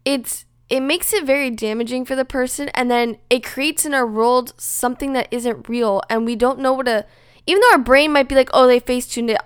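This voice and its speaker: Her voice is high-pitched Valley Girl, and this young adult woman fills her casual solo podcast chatter with filler words. The audio is smooth, studio quality, and free of echo.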